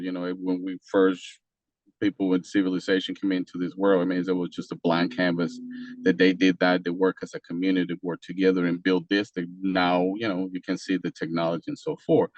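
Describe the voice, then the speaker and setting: A man from Costa Rica, a native Spanish speaker with a Costa Rican Spanish accent, talking as an interview guest in a halting way with many fillers and restarts. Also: sits low, a little mellow, no echo, muffled recording. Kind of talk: casual interview talk.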